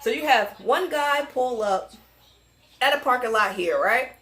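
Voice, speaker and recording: A young woman tells a story to her vlog audience in an animated, emphatic way, laughing easily as she goes. Her voice sits a little high and sounds bright and forward. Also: unhurried. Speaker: vlogger. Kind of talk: casual storytime.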